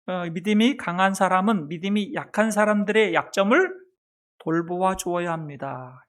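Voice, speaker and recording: A man preaching a sermon as pastor of a church, asking the congregation questions and answering them himself. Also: high voice. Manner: acts out a mother's soft baby talk. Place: church sanctuary.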